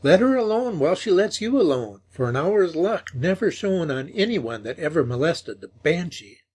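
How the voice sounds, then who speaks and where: A man voicing a frightened, superstitious old woman in a spoken ghost story, his voice raised in pitch and pleading. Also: sing-song, normal speed, a little mellow, husky, exaggerated voice.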